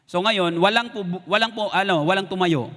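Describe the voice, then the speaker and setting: In a church sanctuary with a long reverb tail, a man with a Filipino accent preaches a sermon at normal speed in a high voice. He tells personal stories in an animated way, acting out the lines people said.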